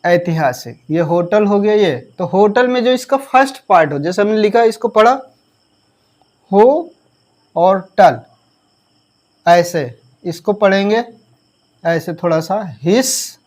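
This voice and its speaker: A man's voice: high voice, expressive, moderate pace, a little mellow. A male English grammar teacher giving a lesson. He asks the class questions, answers them himself, and spells words out letter by letter.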